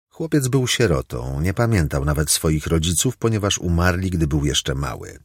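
A man narrating an audiobook for children, with expressive storytelling. His voice is extremely deep and husky, with a lively, rising and falling melody, and it is recorded close and dry. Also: dry recording. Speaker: audiobook reader.

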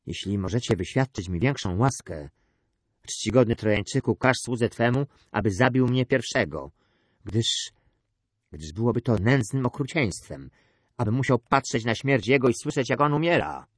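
A man's voice: medium pitch, animated, moderate pace, husky, dry recording, clean studio sound. A man voicing a proud, captive middle-aged prince and father who speaks with dignified restraint. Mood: pleading. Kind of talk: audiobook character reading.

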